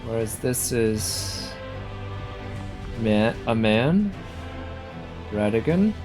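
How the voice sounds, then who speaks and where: Over loud video game music, a man with a lowish, sing-song voice draws out his words as he casually comments live on the game. He thinks out loud and keeps questioning what's in front of him.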